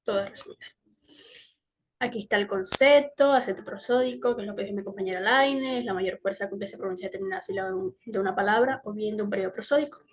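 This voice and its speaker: A young woman with a husky, breathy voice presents to her class. She hesitates often, fills pauses and corrects herself as she goes. Her pitch sits in a middle range. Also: expressive. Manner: hesitant, with fillers and self-corrections. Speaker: student presenter.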